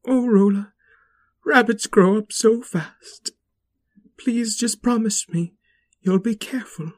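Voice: mid-range voice, slow, voice pushed up. A storyteller voicing a loving mother who speaks tenderly and anxiously to her child. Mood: tender worried. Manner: tender, pleading.

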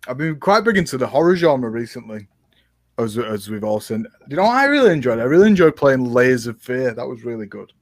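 A man's voice: mid-range voice, sing-song, a little fast, no echo. A young British man, a guest streamer, chatting casually and laughing often.

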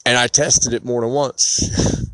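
A man's voice: mid-range voice, steady tone, takes it slowly, a bit bright, dry recording. A man in his thirties hosting a podcast, telling a personal story in an earnest, emotional, rambling way. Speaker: podcast host.

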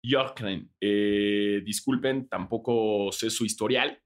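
A man with a Mexican accent, co-hosting a casual sports podcast, relaxed and joking, thinking aloud. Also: fairly low pitch, slow pace. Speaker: podcast co-host.

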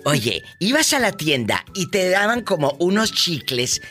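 A man with a Mexican accent hosts a radio talk show, his voice bright and lively as it swings up and down. He teases and jokes theatrically, tossing out exclamations. Soft music plays beneath him. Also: high voice, a little slow. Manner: theatrical, teasing, playful exclamations.

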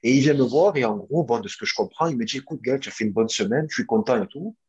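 A young man, a former footballer, telling a long story in a casual interview, animated, with lots of fillers and restarts. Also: medium pitch, fast talker, breathy edge, lo-fi sound.

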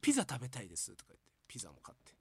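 A man's voice: mid-range voice, rapid-fire. A man with a Kansai accent, animatedly telling a funny story on a comedy podcast and acting out the lines. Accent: Kansai Japanese. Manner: animated storytelling, acts out quotes, laughs often. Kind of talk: casual comedy chat.

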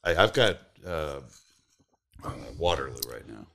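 Brief: easygoing male co-host, animated pitch, short relaxed replies. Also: measured pace. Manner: laid-back short replies. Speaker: podcast co-host. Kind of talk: casual chat.

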